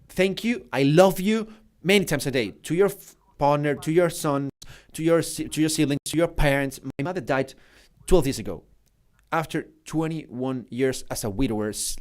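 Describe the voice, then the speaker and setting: Middle-aged guy giving a keynote, earnest and punchy, choppy english. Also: fairly high pitch. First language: Spanish. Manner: emphatic and earnest, in halting non-native English. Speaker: keynote speaker. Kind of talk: motivational conference talk.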